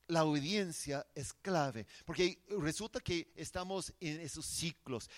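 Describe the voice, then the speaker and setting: A man preaching a sermon in an earnest, emphatic way, often restarting his words. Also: on the high side.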